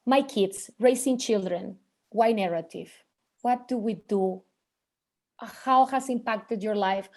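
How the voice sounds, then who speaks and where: A woman's voice: medium pitch, slow pace, a little mellow. A woman from Venezuela hosting an online panel conversation, talking with many hesitant restarts. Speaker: host.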